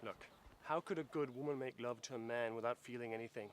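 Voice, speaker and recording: An actor playing an earnest young actor, lovesick and insistent. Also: male voice, mid-range voice, fairly even intonation, fast talker, clear, resonant tone, no echo, close to an everyday voice.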